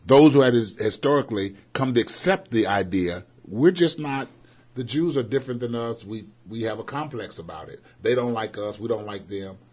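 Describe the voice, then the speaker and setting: Husky, fervent male preacher. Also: mid-range voice. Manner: fervent, builds emphasis, slows on key words. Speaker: co-host, preacher. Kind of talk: preaching in conversation. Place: radio studio.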